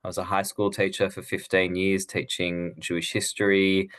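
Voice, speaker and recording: A middle-aged author from Israel, raised in Australia, speaks earnestly and thoughtfully as a guest in a conversational interview, restarting often. His voice is low, clean and fairly bright, completely flat, at a moderate pace.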